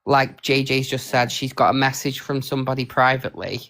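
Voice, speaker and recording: A woman's voice: extremely low pitch, fairly quick, a bit bright. A woman chatting casually on a live stream, saying w in place of v, with an insistent, repetitive way of making her point. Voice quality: trouble pronouncing V, saying w for v.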